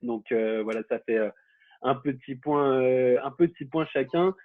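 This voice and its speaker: A man's voice: medium pitch, unhurried. A man hosting a casual football quiz, talking with many fillers and restarts. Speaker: quiz host. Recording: phone-like, husky, dry.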